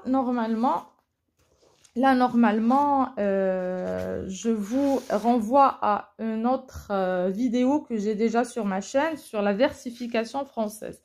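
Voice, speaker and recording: A woman teacher walks through an exam correction at a very slow, deliberate pace, her voice a little high. She hesitates often and corrects herself mid-sentence. The sound comes from a phone recording. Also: darkish tone. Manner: slow, hesitant, many fillers and self-corrections. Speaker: French teacher. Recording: phone recording, voice slightly off-mic at times.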